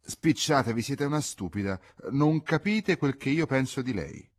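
A man's voice: mid-range voice, huge pitch swings, normal speed, breathy edge, pitched above the performer's own voice. Man doing an impatient young master.

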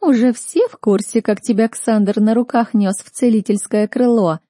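A woman's voice: fairly high pitch, fairly even intonation, normal speed, dark tone, dry recording, studio quality, voice pushed up, lightly acted. A woman voicing a catty, mocking young woman who sneers and shrills at a rival, in an audiobook. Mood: sneering.

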